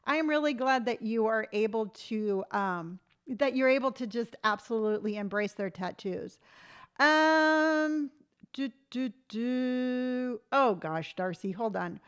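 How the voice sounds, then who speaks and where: On a casual live stream, a woman in her late fifties reads viewer comments aloud and tells stories with emphatic conviction. Her fairly high voice is clear and resonant, slow and expressive.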